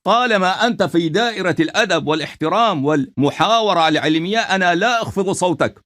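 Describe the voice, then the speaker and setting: A man's voice: high-pitched, expressive, fast, fairly bright tone. A man debating in formal speech, insistent and repeatedly cutting in to claim his turn. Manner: insistent, interrupting, formal phrasing. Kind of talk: heated online debate.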